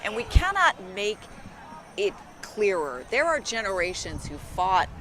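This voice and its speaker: An American woman delivers celebratory parade commentary as a live TV co-anchor. Her phrasing is emphatic and rhetorical, in a mid-range voice. She is outdoors, with clear city and traffic noise around her. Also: medium pitch, very animated, a little slow.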